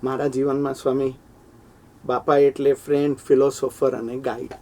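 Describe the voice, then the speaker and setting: A man's voice: medium pitch, flat delivery, moderate pace, a little mellow. A middle-aged man earnestly recounting a personal memory, his voice rising when he is moved. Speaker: devotee sharing memories. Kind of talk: heartfelt personal storytelling.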